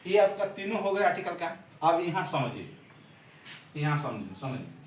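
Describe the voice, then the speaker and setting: A man's voice: on the high side, sing-song, moderate pace, slight background noise. A male teacher, explaining grammar to a class, repeating and quizzing as he writes. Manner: repeats and quizzes the class, writing while talking. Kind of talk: blackboard grammar lesson. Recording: roomy echo, far from mic, faint ambience.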